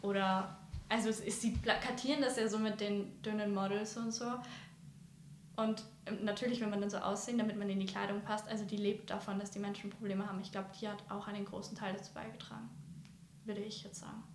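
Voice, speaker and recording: Hesitant flat-voiced woman. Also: medium pitch, a little fast. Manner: hesitant, searching for words, sincere. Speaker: interview guest sharing her story. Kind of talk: personal interview talk. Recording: roomy echo, faint background noise.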